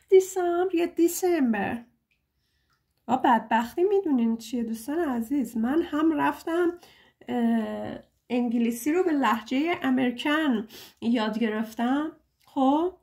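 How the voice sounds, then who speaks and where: A woman's voice: high-pitched, a little mellow. Chatty, playful woman reading tarot. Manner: chatty and playful, joking and laughing at herself; affectionate, pleading with listeners. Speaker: tarot reader. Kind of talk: casual tarot reading to camera.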